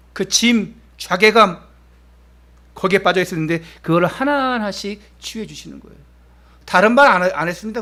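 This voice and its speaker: Korean pastor guy preaching sunday service, slightly high voice, goes loud then real quiet. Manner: dynamic preaching, swinging from emphatic lines to hushed, soft phrases; asks the congregation direct questions. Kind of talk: Sunday sermon. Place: church service.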